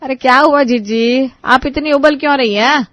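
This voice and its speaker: A woman's voice: high voice, moderate pace, a bit bright, no echo. A woman voicing a fussy, dramatic middle-aged mother of the groom in a cartoon story. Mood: fretful. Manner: dramatic, complaining.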